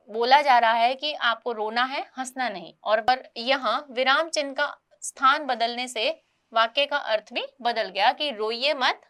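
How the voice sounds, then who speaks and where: Woman teacher, high voice, patient and clear, grammar lesson for kids, examples read slowly. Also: fairly bright tone.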